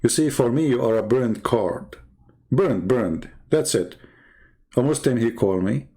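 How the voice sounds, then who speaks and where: Guy ranting at some online debater, mocking, low mutters then jumps way up high, mid voice. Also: a little slow, dark tone. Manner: mocking, scornful, swings between low mutters and high exclaims. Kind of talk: heated ranting monologue.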